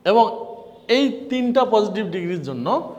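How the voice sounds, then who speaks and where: Bangladeshi guy teaching grammar, asks then answers his own questions, highish voice, lots of reverb. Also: big pitch swings, a little slow, a little mellow, lo-fi sound. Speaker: English teacher. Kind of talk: classroom grammar lecture.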